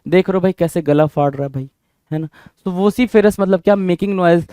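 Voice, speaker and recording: Energetic high-voiced vocabulary teacher. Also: male voice, fairly quick, clean tone, no echo, clean studio sound. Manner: energetic, drills words with repeated questions. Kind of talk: exam-prep vocabulary lesson.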